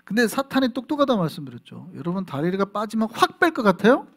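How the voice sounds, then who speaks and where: A male pastor preaching a sermon in an animated way, acting out little scenes and putting rhetorical questions to the congregation. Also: high voice, fast talker.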